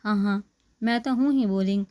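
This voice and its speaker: A woman's voice: medium pitch, moderate pace, a little mellow, lightly acted. A woman voicing a young husband who brushes off his friends' teasing in a dry, defensive way.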